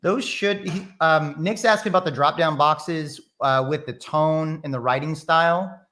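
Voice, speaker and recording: A man's voice: on the high side, normal speed, pushed and bright. A man from the Boston area co-hosting a casual talk show, upbeat and chatty as he passes on viewer questions. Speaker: co-host. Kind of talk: casual chat.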